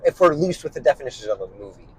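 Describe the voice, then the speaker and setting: A young man co-hosting a casual podcast chat in a car, goofy and slangy, with vocal fry. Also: medium pitch, expressive, racing, darkish tone, rough recording. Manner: goofy, slangy, lots of laughing. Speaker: podcast co-host.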